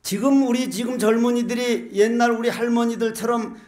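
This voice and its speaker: High-voiced older monk preaching. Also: male voice, steady tone, moderate pace, a little mellow, echoey room. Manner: folksy, joking storyteller with rhetorical questions. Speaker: Buddhist monk giving a dharma talk. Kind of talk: sermon.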